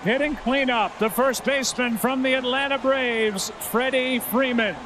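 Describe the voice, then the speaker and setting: A man working as a stadium announcer, introducing lineups in a booming, showy arena style and drawing out names over the PA. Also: steady tone, measured pace. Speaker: stadium public address announcer. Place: large open-air stadium, over the PA. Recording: noisy stadium PA with loud ambience.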